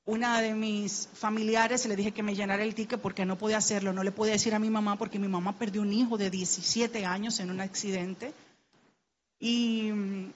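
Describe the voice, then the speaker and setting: Speaking fairly quickly in a level, medium-pitched voice, a middle-aged woman from the Dominican Republic offers a heartfelt personal story during a panel, her Dominican Spanish accent evident. Her earnest tone grows urgent as she urges people to act, over dull audio with a little hiss or hum.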